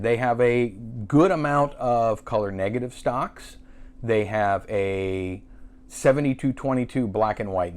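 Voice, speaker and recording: A man hosting a casual filmmaking tutorial, chatty and self-correcting as he demonstrates a camera. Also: mid-range voice. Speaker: filmmaking channel host.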